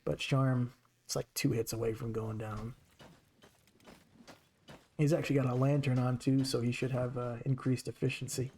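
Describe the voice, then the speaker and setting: A man gives casual, chatty commentary over his gameplay at an average pitch. He talks straight to his characters as he plays. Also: little pitch movement, normal speed, long pauses, dark tone, a little hiss or hum. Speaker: streamer.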